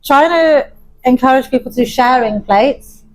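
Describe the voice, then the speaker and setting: A woman's voice: sits high, measured pace, a little hiss or hum, rough recording. A young adult woman from Wales, a chef and pub owner, talking in an interview with enthusiasm and frequent laughter. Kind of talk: interview conversation.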